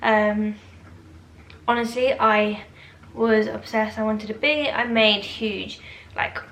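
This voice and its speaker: A woman's voice: medium pitch, steady tone, slow, fairly bright tone. A British woman in her twenties chatting casually to camera in a rambling, informal, exaggerating way, answering questions as a vlogger. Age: 20s. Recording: echoey room, faint background noise.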